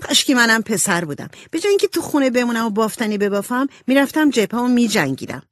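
Jo, a narrator doing a loud tomboyish teen girl. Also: mid-range voice, sing-song, dry recording, studio quality, voice pushed up, close to an everyday voice. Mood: longing. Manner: exclaims loudly, insists. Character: spirited tomboyish teenage girl, loud and eager.

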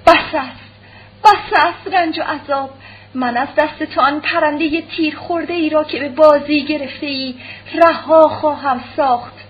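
A woman's voice: on the high side, lightly acted. A woman voicing a desperate, heartbroken noblewoman who speaks in a murmured, shaky voice. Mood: trembling. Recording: dull old tape, faint hiss.

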